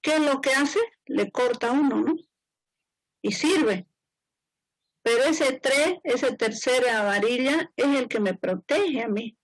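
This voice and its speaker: A woman engineer with a high, animated voice takes her time teaching a class. She explains informally, repeats herself and keeps checking in with the students. The recording is dry and low quality.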